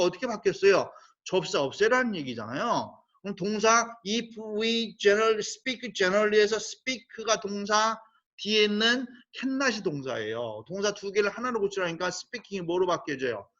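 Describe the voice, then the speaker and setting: A male teacher walks through English grammar step by step, with a high voice that rises and falls in lively swings. He keeps asking rhetorical questions and then slows down to spell out English phrases carefully. The recording sounds dull and lo-fi.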